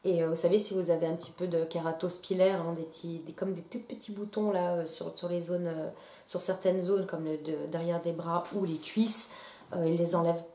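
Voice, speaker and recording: This woman's voice sits on the low side, with a dark tone, fairly even intonation, and a moderate pace. Congested from a cold, the beauty YouTuber chats casually to her viewers about a product haul, full of fillers and false starts. It's recorded in an echoey room.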